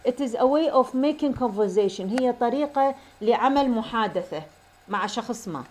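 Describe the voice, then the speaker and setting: Woman, English teacher, slow careful English examples, fast explanations. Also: on the high side, animated, darkish tone, a little hiss or hum. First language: Arabic. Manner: switches between slow, deliberate English examples and rapid Arabic explanation. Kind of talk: bilingual grammar lesson.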